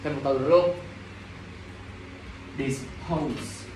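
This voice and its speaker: A man's voice: medium pitch, takes it slowly, a little mellow, a little hiss or hum. A young man teaching English vocabulary in class, drilling pronunciation and quizzing students with exasperated asides. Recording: echoey classroom from a distance.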